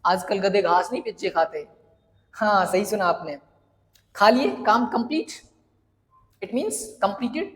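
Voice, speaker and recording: A man's voice: high-pitched, expressive, takes it slowly, long pauses, big-room sound. A man from Jaipur teaching a casual spoken English lesson, playful and joking, often asking rhetorical questions. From Jaipur, India.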